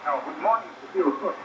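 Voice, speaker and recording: A man from northwestern Italy with an Italian accent, a ham radio operator talking haltingly with fillers, heard over a shortwave signal that keeps breaking up. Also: high voice, lo-fi sound. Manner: halting, with many fillers and polite thanks. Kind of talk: ham radio contact exchange. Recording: noisy echoey shortwave radio reception.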